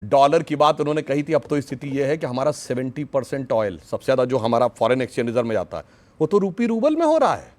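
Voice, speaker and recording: A man's voice: medium pitch, sing-song, fast, a little mellow. A man arguing on a TV debate panel, mocking his opponents and reciting a couplet. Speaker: political panelist. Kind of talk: TV debate argument. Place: TV studio.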